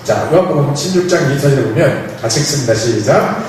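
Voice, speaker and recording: Lively pastor in an echoey hall. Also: male voice, medium pitch, fairly quick, slight background noise. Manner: animated, playful, acts out dialogue with laughs. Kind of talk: storytelling sermon. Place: church hall. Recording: echoey hall, mic from far off.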